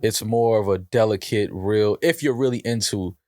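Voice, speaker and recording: A man's voice: fairly low pitch, moderate pace, a little mellow, no echo, studio quality. A man co-hosting a podcast in casual, slangy talk, repeating phrases for emphasis. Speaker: podcast co-host.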